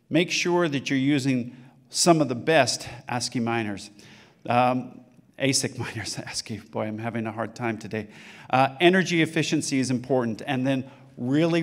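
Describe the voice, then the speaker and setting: A man in his sixties giving a conference talk on stage into a handheld mic, with a loose delivery full of fillers and restarts. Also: medium pitch. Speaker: conference speaker. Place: dark conference stage with a large room.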